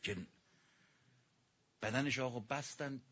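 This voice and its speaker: A man preaching a sermon with a mourning elegy, swinging between loud outbursts and hushed passages and addressing his listeners directly. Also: medium pitch, noisy background. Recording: dull lo-fi recording.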